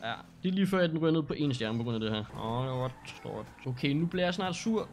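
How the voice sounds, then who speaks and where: A man's voice: a little high, animated, soft background music. A young man casually commenting as he plays an online role-play game, joking and laughing at himself. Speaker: streamer playing a role-play server.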